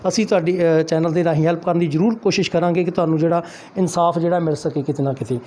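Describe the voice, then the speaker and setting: Halting man with a dark voice. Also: on the high side, fairly even intonation, slight background noise. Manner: hesitant, many fillers and restarts. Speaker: news reporter. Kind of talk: news interview with commentary.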